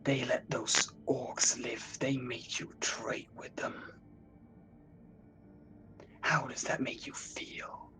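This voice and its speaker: A man voicing a soldier's inner conscience in a tabletop game, cold, pious, accusing and goading, often hushed and breathy. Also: medium pitch, level tone, slow pace, pauses often, whispered, poor audio. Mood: insinuating, accusing. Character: accusing inner conscience of a zealous soldier, his mirror reflection.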